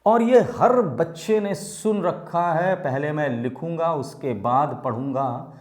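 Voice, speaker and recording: Male vocab teacher, high voice, slow deliberate delivery, roomy echo. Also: darkish tone. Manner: addresses students as children, asks questions and answers them himself; spells out and repeats words slowly. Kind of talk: vocabulary lesson for exam students.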